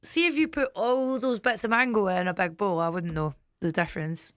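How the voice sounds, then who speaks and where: Bright-voiced giggly woman host. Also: medium pitch, fairly even intonation, a little fast, clean tone. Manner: giggly, teasing, reads out food names. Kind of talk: casual podcast chat.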